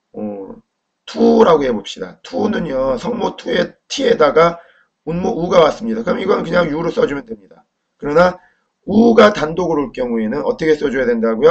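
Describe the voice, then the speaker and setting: Guy teaching pronunciation slow and careful, keeps asking the viewer questions, kinda muffled recording. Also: fairly high pitch. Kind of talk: lecture. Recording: dull lo-fi recording.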